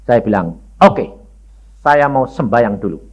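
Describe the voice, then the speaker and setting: A male evangelist preaching a sermon with speech, dramatic, with sudden loud bursts and rhetorical questions to the congregation. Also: mid-range voice, animated, unhurried, dull audio.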